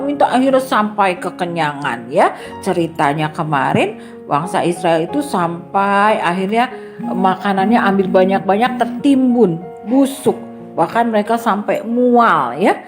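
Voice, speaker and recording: A woman kindergarten teacher telling a Bible story to young children in a lively way, asking them questions. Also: mid-range voice, a little slow, over music.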